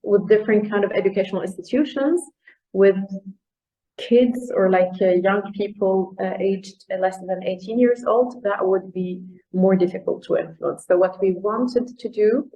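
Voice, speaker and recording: A woman presents informally in a webinar. Her voice is mellow and relaxed, at a middle pitch, and she hesitates as she searches for words. The audio is dull and lo-fi. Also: moderate pace. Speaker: project presenter.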